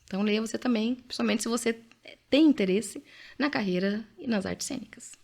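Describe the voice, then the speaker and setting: Speaking briskly in a slightly high, somewhat mellow voice with vocal fry, a middle-aged woman with a Brazilian accent hosts a chatty podcast. She reads facts, tacks on her own comments, and frequently says "né?".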